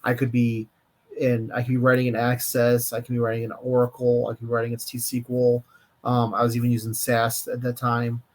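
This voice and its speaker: A man's voice: mid-range voice, completely flat delivery, a little fast, darkish tone. Tired rambling male co-host. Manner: rambling, self-correcting, lots of fillers. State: tired, yawning. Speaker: podcast co-host, data engineer. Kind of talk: casual live-stream chat.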